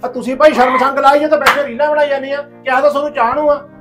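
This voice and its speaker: A man's voice: fairly high pitch, lively intonation, fast, over music, natural voice. An actor playing a weary, aging rural father who grumbles and lectures his family. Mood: scolding. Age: older. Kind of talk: village family drama acting.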